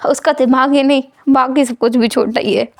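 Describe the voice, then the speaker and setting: A woman's voice: high-pitched, fairly even intonation, normal speed, dry recording, pitched below the performer's own voice. A woman voicing a playful young man who teases his friends and fusses over a little girl. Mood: teasing. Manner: teasing, playful. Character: playful teasing young man, cheeky uncle.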